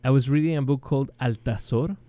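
Fairly quick and medium in pitch with no echo, this Chilean man's voice carries a Chilean Spanish accent as he speaks English, his second language. He's a guest in a casual video-call interview, hesitating with lots of ums and restarts and chuckling softly.

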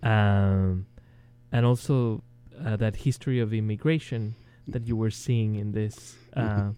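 A Chilean guest with a Chilean Spanish accent speaks English as a second language in a casual interview held over a video call. His fairly low, clean voice keeps a steady tone at a slightly slow pace, and he comes across as hesitant, with many ums, restarts, and soft chuckles.

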